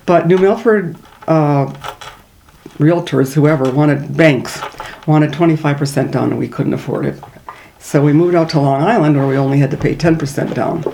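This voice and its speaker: A woman's voice: deep voice, moderate pace, creaky, mellow, slight background noise, rough recording. An older woman from northern Minnesota with a Minnesota accent, telling stories in an oral history interview, chatty and laughing between them.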